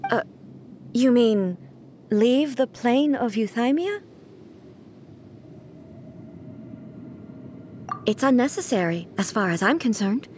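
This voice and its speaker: Aloof immortal female ruler, lively pitch. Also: noisy background. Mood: calm, curious. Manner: formal, measured, deliberate diction. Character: calm, aloof immortal female ruler, dignified and faintly awkward. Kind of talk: video game voice acting.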